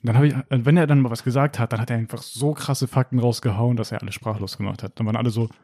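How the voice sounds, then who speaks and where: A young man casually telling a personal story, slangy and animated, acting out what people said and laughing often. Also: medium pitch, fast talker. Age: young adult. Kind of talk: casual chat.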